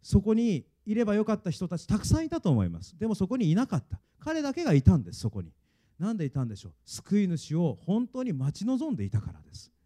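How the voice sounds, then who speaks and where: Male pastor, mellow dark voice, earnest sermon, a bit higher than average. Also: wildly swooping pitch, quick pace. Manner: earnest, emphatic preaching, leads congregation in reading.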